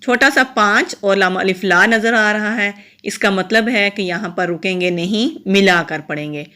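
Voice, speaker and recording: A woman teaches recitation rules in a patient, methodical way. She goes through each letter and mark one at a time in an even, mid-pitched voice. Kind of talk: step-by-step tajweed lesson.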